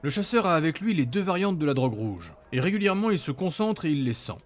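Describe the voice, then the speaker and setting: A man's voice: a little high, big pitch swings, fast talker. A man reading scripted narration for a fantasy audio story.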